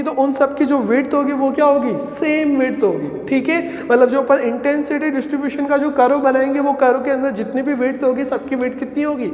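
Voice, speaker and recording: A man teaching a physics lesson in a high voice. He keeps asking the class questions and then answers each one himself. His voice rings through a roomy, echoing space with a long tail of reverb. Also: a little mellow. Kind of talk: classroom lecture deriving formulas.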